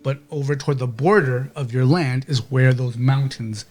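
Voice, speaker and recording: A man's voice: mid-range voice, fairly even intonation, moderate pace, darkish tone, soft background music. A man narrating a tabletop game as game master, rambling and checking in with "okay?".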